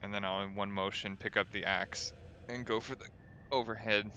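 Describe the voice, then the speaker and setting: A man playing in a tabletop game over voice chat, quietly making quick asides and declaring actions. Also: on the low side, fairly even intonation, slight background noise. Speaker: player. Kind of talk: casual tabletop play.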